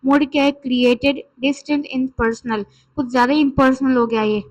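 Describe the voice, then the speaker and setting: A woman with an Indian accent teaching an English lesson, reading example sentences slowly and then explaining them in quick, chatty Hindi with frequent check-ins. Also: high-pitched, steady tone, rough recording.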